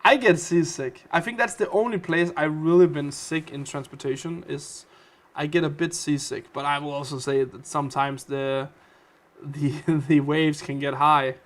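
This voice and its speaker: A man's voice: a little high, fairly even intonation, moderate pace. A man with a Danish accent hosting a casual gaming livestream, chatty and playful as he reads out and answers viewer comments. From Denmark. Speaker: livestream host.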